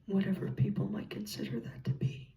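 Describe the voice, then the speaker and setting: A person gives an encouraging, reassuring ASMR pep talk in a soft, breathy whisper, speaking gently in short, paused phrases. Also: medium pitch, level tone, distant mic, a little hiss or hum. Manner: slow, gentle, pausing between short phrases. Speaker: ASMR content creator.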